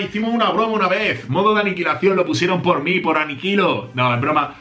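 A man's voice: mid-range voice, pushed and bright. A young man from Spain with a Spain Spanish accent commentates his gameplay in a hyped, boastful way, rattling off repeated words. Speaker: gaming youtuber.

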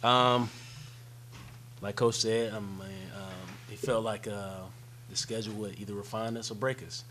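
A man's voice: lowish voice, fairly even intonation, a little slow, pushed and bright, a little hiss or hum, poor audio. A young man, a college basketball player, answering press conference questions hesitantly with many fillers into a desk microphone. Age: young adult. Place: press conference room, seated at table. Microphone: desk microphone on stand.

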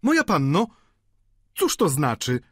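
A man reading an audiobook voices a fretful, wailing middle-aged landlady in a high, pleading voice. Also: big pitch swings, moderate pace, dry recording, studio quality. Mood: panicked.

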